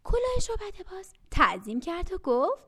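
A woman hosting a children's story radio show, speaking to the young listeners with energetic affection. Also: extremely high pitch.

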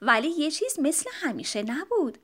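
Expressive woman reading a children's story. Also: high voice. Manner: expressive and gently animated. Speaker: audiobook narrator.

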